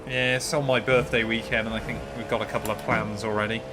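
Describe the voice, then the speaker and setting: A man's voice: fairly low pitch, little pitch movement, fast talker, music in the background. A man with a thick West Country English accent, chatting casually while sim racing on a livestream. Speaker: streamer and endurance sim racer. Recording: clear car engine noise behind. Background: car engine noise from racing game.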